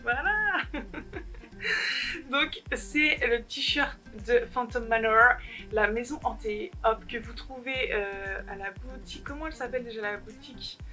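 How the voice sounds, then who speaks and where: Bright-voiced giggly young woman vlogger. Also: fairly high pitch, animated, slow, faint music behind. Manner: giggly, rambling, self-mocking. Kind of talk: casual haul video chat. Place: alone at home.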